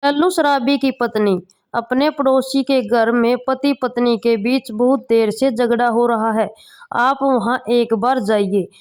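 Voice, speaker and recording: A woman reads one short joke after another in a fairly high voice. She keeps an unhurried, deliberate pace and lets each punchline land. The delivery is plain comedy-channel joke reading. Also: fairly even intonation, darkish tone. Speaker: joke reader. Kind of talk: reading jokes aloud.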